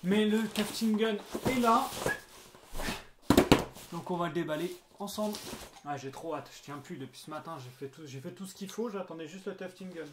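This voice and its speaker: A man narrating his craft vlog in a casual, slangy way, easily excited about his new gear. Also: high-pitched, normal speed, very noisy. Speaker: vlogger.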